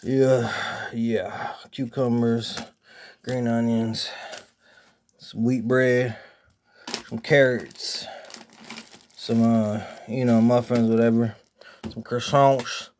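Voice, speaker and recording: A man chatting casually in a vlog, showing off his groceries in relaxed slang. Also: medium pitch, drawn-out words, pauses often, a little hiss or hum. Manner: laid-back slangy talk, showing off groceries. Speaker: vlogger.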